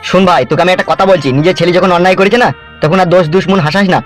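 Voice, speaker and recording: A man's voice: sits high, fairly even intonation, racing, soft background music, lightly acted. A man voicing an older uncle who lectures and coaxes his family toward peace in a comedy cartoon. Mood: coaxing. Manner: coaxing, lecturing. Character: older uncle, calm peacemaking village elder.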